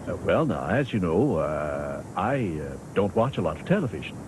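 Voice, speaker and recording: A man plays an oily, evasive ex-prime minister in political sketch comedy. The voice is very low and swings around in pitch, halting between phrases, over clear background noise. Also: very animated. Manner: halting, smooth-talking hesitations. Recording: noisy location sound.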